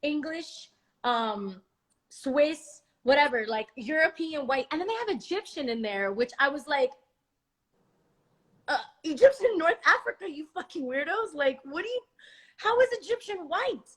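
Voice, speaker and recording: Woman, young, from Miami, high-pitched, frank, profane, animated casual talk. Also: measured pace. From Miami, United States. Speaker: podcast host. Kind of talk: casual conversation.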